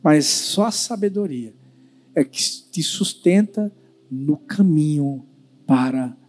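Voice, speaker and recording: A male pastor giving a sermon as an animated storyteller who uses dramatic pauses. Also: a little high, husky.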